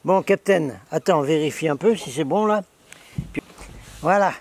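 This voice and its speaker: A man's voice: a little high, normal speed, dry recording. A man hosting his own video in a casual, sarcastic, rambling monologue, chatting with his camera operator. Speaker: video host.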